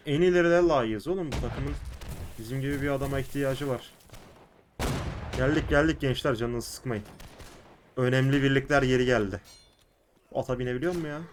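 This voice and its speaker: A young man with a Turkish accent giving casual commentary as he plays an online game, shouting in fights and muttering between them. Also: medium pitch, slight background noise. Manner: excitable, shouts and laughs during fights, mutters to himself between. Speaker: gaming YouTuber.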